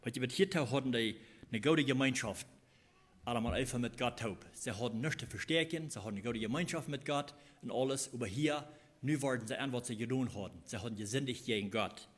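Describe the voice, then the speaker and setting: A man preaching a sermon, explaining scripture in a halting way and repeating phrases as he goes. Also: mid-range voice, slightly rough.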